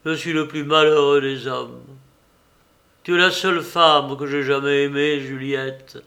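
A man's voice: a little high, fairly even intonation, measured pace, pushed and bright. A man voicing a desperate, tormented young male lover in an audiobook, with impassioned, pleading delivery. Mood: anguished.

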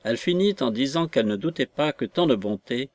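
Measured male audiobook narrator. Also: medium pitch, lively intonation, a little mellow, no echo. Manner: measured, deliberate reading. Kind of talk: scripted narration.

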